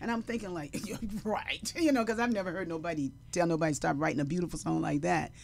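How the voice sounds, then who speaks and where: A middle-aged woman singer and songwriter, a guest in a studio interview, telling stories in a lively way, laughing often and breaking into song. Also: fairly low pitch, fast talker, vocal fry. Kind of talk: casual interview chat with storytelling. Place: radio studio.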